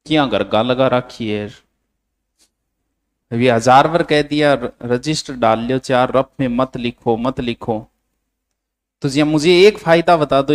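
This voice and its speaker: A man with a Rajasthani accent teaching a coaching class, dictating notes and bluntly scolding his students. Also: mid-range voice.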